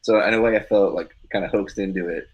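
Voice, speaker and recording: A man's voice: fairly low pitch, steady tone, quick pace, highs cut off, a little hiss or hum. A man co-hosting a podcast, chatting casually with frequent laughs, fillers and restarts. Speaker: podcast co-host. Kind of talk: casual chat.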